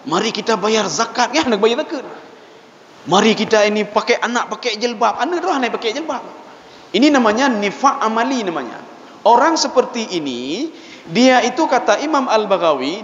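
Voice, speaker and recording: A man with an Acehnese accent preaching a sermon, telling stories with acted-out voices and often addressing the listeners as Pak. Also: high-pitched. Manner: animated storytelling, acts out quoted voices, addresses listeners as Pak. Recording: echoey hall, lo-fi with noise.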